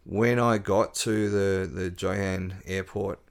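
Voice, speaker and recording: A man with a very low voice, talking as an author guest on a podcast. He tells his stories in a relaxed way, stopping for ums and restarting his sentences as he goes. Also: slow pace, vocal fry, clear, resonant tone. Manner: storytelling, relaxed, with fillers and restarts. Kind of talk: casual interview chat.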